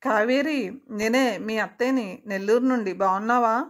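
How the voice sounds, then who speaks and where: A woman's voice: a little high, moderate pace, close to an everyday voice. Woman reading as a chatty older aunt. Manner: rambling, chatty.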